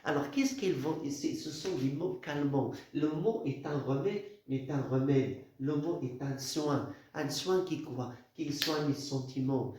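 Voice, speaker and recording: Halting male teacher explaining a poem, slightly high voice, booming echo of a bare room. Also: a little mellow. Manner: halting, repeats words, stresses key phrases. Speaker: literature teacher. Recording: very echoey room.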